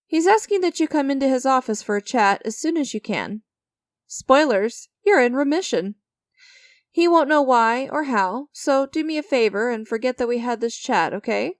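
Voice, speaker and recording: Playing an enigmatic, creepy stranger who makes sinister bargains, a woman performs a dramatic audio roleplay with teasing theatricality and a smug, coaxing manner. Her high, animated voice moves at a moderate pace in a clean, echo-free studio recording, and her mood is smug and playful.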